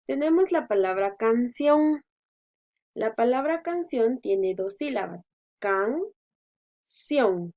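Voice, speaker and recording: A woman's voice: on the high side, darkish tone. Female teacher, patient, syllable-stressing delivery; dull lo-fi recording. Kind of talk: slow explanatory lesson for children. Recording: dull lo-fi sound.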